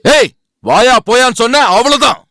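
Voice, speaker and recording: A man's voice: extremely high pitch, animated, moderate pace, background noise. An actor playing an older father-in-law in a TV serial, who speaks to his son-in-law in a stern, indignant way. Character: older, proud father-in-law demanding respect. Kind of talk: TV serial acting.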